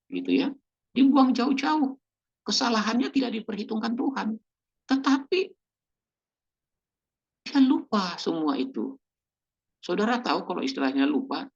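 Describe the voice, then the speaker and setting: Male pastor, sermon, husky voice, animated swings in pitch, conversational, muffled recording. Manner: conversational, checks in with the congregation; acts out short quoted voices.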